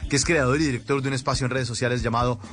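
A man's voice: mid-range voice, fairly even intonation, racing, very noisy. A man hosting and introducing a live radio show.

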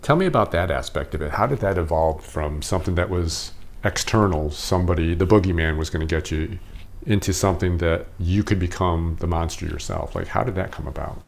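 A man's voice: deep voice, brisk, gravelly, hardly any pauses. A man interviewing a guest in a casual, conversational style.

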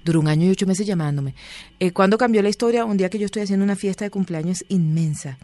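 Animated woman telling stories. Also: medium pitch, quick pace, dry recording. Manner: animated storyteller, acts out quoted voices. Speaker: interview guest. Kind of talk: casual interview storytelling.

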